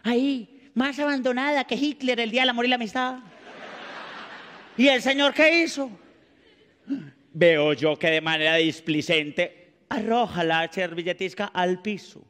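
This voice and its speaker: A Colombian man with a Paisa accent doing a stand-up comedy monologue on a TV stage, animated and mugging as he banters with the audience. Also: high voice, unhurried, long reverb tail. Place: TV studio stage before a live audience.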